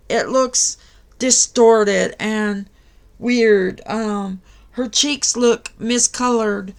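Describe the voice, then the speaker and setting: A woman's voice: on the high side, creaky. A tired woman hosting a crafting channel, talking casually to her viewers late at night. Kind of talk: casual tutorial talk to viewers.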